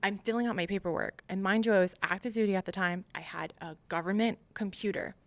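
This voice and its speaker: Her mid-range voice comes fast and without echo as this American podcast guest, a veteran from Long Island, New York, gives an outspoken, emphatic account of her life. She reenacts what people said to her.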